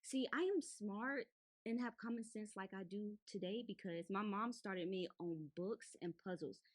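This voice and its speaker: A woman's voice: mid-range voice, normal speed. A young woman, co-hosting a casual podcast chat, playful and laughing often. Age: young adult. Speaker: podcast co-host.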